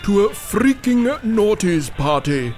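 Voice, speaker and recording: A deferential royal servant, as a man plays him, formal and respectful with every word. His voice is lively in pitch, and music plays underneath the sketch. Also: slow pace, full character voice.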